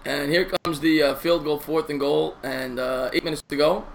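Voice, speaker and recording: A man's voice: fairly high pitch, vocal fry, noisy background. A man co-hosting a live sports stream, calling plays and chatting casually about the game. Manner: excited play-by-play calls, quick agreeing interjections. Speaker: live stream co-host doing play-by-play.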